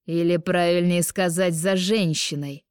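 A woman's voice: fairly low pitch, steady tone, darkish tone, clear, resonant tone, dry recording, clean studio sound, close to an everyday voice. A woman voicing a drunk young man who mockingly picks a fight. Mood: sneering drunk. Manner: slow, drawling and mocking.

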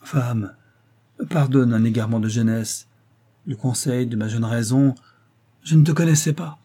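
A man's voice: medium pitch, unhurried, dark tone, natural voice. A man voicing a troubled young husband in an audiobook reading, with anxious, urgent questioning.

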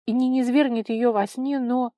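A woman narrating an audiobook with expressive, dramatic delivery. Her voice is mellow and warm, and the recording is close and dry with no room sound. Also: on the high side, normal speed, no echo. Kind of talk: audiobook reading.

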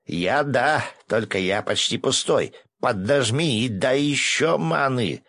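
A man voicing a shaggy one-eyed male forest keeper spirit who shouts and cackles excitably. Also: mid-range voice, takes it slowly, no room sound, studio quality, pitched above the performer's own voice, full character voice. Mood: gleeful shouting.

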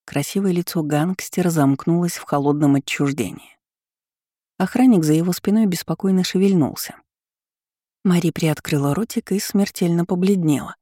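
An audiobook narrator telling a first-person story in an even, wry way. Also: mid-range voice, moderate pace, no room sound, clean studio sound.

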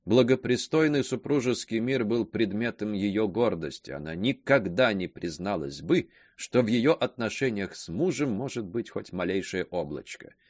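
A man narrating a classic novel in an expressive audiobook reading style. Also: lowish voice, normal speed, hardly any pauses, no echo, clean studio sound. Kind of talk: literary narration.

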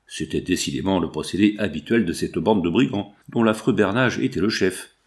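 A man's voice: low-pitched, fairly quick. A man narrating a classic French novel as an audiobook reader. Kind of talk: scripted narration.

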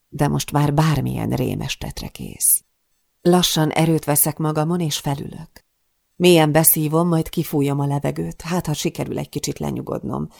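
A woman narrating a first-person audiobook with dramatic, breathless delivery. Her voice carries a strong gravelly fry throughout. The recording is dry and close, with no room sound. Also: deep voice, darkish tone, no echo.

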